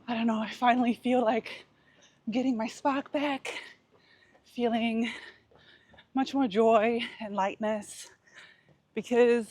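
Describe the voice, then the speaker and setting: A woman talking candidly and reflectively to her vlog while out running, in a halting, casual way with pauses. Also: on the high side, a little mellow, dry recording. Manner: candid, introspective. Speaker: vlogger.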